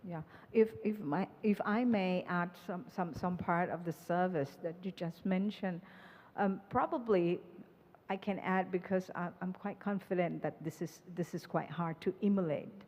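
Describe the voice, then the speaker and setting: A woman's voice: lowish voice, normal speed, a little mellow. A woman from Thailand speaking on a panel, hesitant and repeating words as she searches for them. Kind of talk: panel discussion. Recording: muffled hall reverb.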